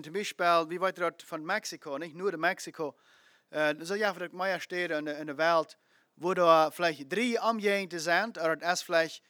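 A man's voice: high voice, a bit bright, no room sound, studio quality. A man preaching a sermon, emphatic, repeating phrases and asking rhetorical questions.

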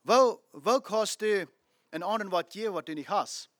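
A man's voice: sits high, moderate pace, fairly bright tone, no room sound, studio quality. A man preaching a sermon, emphatic, repeating phrases and asking rhetorical questions.

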